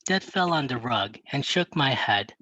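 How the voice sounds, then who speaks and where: A reader narrating a first-person children's novel aloud, plain and even, with a teen narrator's wry asides. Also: mid-range voice, measured pace, slightly rough, no echo, dull audio. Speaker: audiobook reader.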